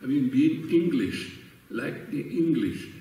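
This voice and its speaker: A man's voice: mid-range voice, expressive, slow, dark tone. A man on an academic round-table panel, speaking hesitantly with many restarts and repeated words. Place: conference hall. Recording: very echoey hall, distant mic.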